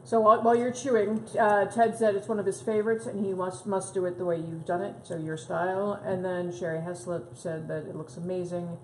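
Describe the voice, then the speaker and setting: A woman's voice: fairly low pitch, little pitch movement, brisk, hardly any pauses, a little mellow, reverberant, a little hiss or hum, low-quality recording. A woman co-hosting a cooking show, reading viewer comments with some hesitation. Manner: hesitant, a little tongue-tied. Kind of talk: casual chat.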